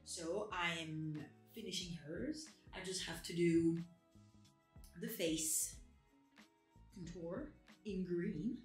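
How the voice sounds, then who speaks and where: A woman's voice: on the low side, takes it slowly, pauses often, roomy sound, soft background music, rough recording. A young woman chatting casually to camera in a rambling, self-deprecating way, with many fillers. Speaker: vlogger. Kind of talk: casual vlog chat to camera.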